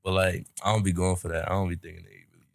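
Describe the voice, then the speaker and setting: Hesitant, low-voiced nineteen-year-old man. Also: level tone, quick pace, creaky, dry recording, clean studio sound. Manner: hesitant, mumbling, lots of fillers. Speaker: guest YouTuber. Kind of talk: casual podcast chat.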